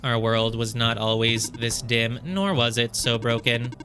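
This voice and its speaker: A man's voice: mid-range voice, fairly even intonation, a little slow, sharp tone, faint music behind. A man voicing a polite, formal robot guide while reading game dialogue aloud in a let's play, with a stiff, stately delivery. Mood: solemn.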